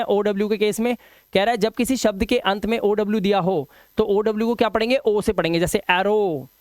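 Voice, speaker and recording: A man's voice: high-pitched, clear, resonant tone, dry recording, clean studio sound. A man teaching English pronunciation rules in a lesson. He asks himself questions and answers them, then drills the words.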